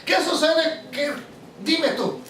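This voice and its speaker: A man preaching in a very high, bright voice that rings with emphasis. He keeps firing questions at his congregation. The sound is echoey and distant, as if caught from across a church hall. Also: big pitch swings, very slow, slight background noise. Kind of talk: sermon to a congregation. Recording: echoey room, mic far off.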